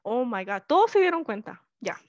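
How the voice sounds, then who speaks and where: A woman teacher with a Chilean accent and a shrill voice, giving a lively online class and often checking in with her students. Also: moderate pace, no room sound. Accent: Chilean Spanish. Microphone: video call. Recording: slightly muffled video-call audio.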